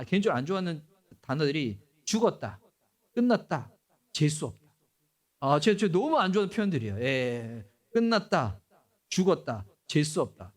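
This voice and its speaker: A man preaching a sermon as pastor, animated and acting out the voices he quotes. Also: high-pitched. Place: church sanctuary.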